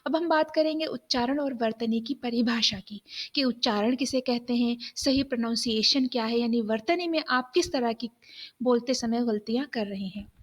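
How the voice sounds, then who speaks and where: A young woman teaching a grammar lesson, slow and patient, talking straight to the children. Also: on the high side, muffled recording. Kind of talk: classroom lesson explaining Hindi grammar.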